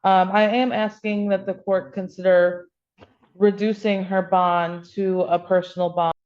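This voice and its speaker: A woman's voice: mid-range voice, level tone, a little slow, darkish tone. A woman working as public defender, arguing a bond request in court and hesitating with frequent ums, heard in a courtroom recording. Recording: dull, lo-fi courtroom audio.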